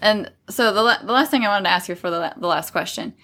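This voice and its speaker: A woman's voice: medium pitch, fast, sharp tone. A woman hosting a podcast, asking thoughtful questions in a chatty, affirming way. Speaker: podcast host. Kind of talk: interview questions, casual chat.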